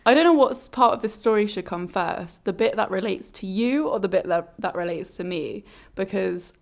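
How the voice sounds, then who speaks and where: A woman co-hosts a podcast, telling personal stories and chatting in a casual, candid, self-deprecating confessional way. She sounds slightly ill, her mid-range voice gravelly with a phlegmy throat, and she speaks at normal speed.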